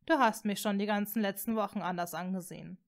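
A woman reading a fan story aloud, voicing a gentle, tentative blond teenage boy wizard in a soft, hushed voice. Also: medium pitch, fast talker, close to an everyday voice.

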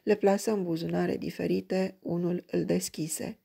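A woman reading a crime story aloud in an even, measured way. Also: lowish voice, gravelly, husky. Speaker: audiobook reader.

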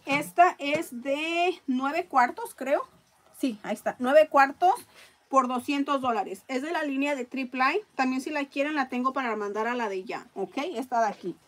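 A woman hosting a casual live-stream raffle, chatting along and reading viewer comments out loud. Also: high-pitched, normal speed.

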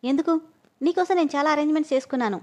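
A woman's voice: sits high, rapid-fire, a little mellow, pitched above the performer's own voice, lightly acted. A woman voicing an eager, insistent young woman in a read-aloud story.

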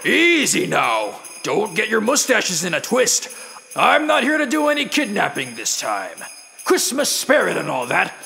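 A man voicing a boisterous monster king in a cartoon musical, a brash, teasing villain turned festive helper with a gravelly growl. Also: sits high, wildly swooping pitch, measured pace, exaggerated voice. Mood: smug, teasing. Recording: loud music under the voice.

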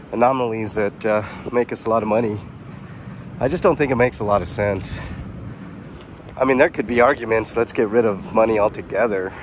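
Chatty man vlogging on a noisy street. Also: medium pitch. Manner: rambling, chatty, addresses viewers directly with fillers. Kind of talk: casual walking vlog narration. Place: outdoors on a city sidewalk. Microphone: handheld camera mic while walking. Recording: street traffic noise behind. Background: traffic.

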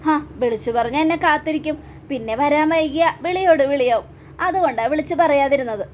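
A woman's voice: high-pitched, fairly quick, darkish tone, slight background noise, natural voice. A woman voicing a cheerful, easygoing husband who talks in a breezy, friendly way.

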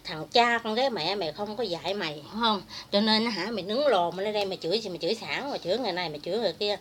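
A woman's voice: medium pitch, very fast, a bit bright, a little hiss or hum. A woman ranting angrily and crudely at someone in a vlog. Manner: heated, crude, insulting. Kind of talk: angry vlog rant.

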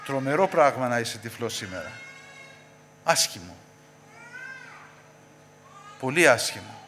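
Emphatic Greek preacher in an echoey church. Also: male voice, lively intonation, fairly bright tone, a little hiss or hum. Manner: rising to emphatic call-and-response questions, then dropping low. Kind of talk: sermon.

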